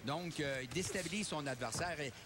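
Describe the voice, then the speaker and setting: Male ringside boxing analyst, Quebec French accent, fairly high voice, talking over heavy venue noise. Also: fairly quick. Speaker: boxing colour commentator. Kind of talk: live analytical sports commentary. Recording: loud arena noise behind.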